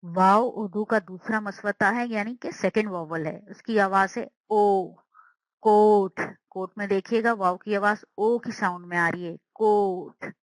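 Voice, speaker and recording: A woman teacher giving a slow, patient language lesson, sounding out words and repeating them. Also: mid-range voice, fairly even intonation, no echo, low-quality recording.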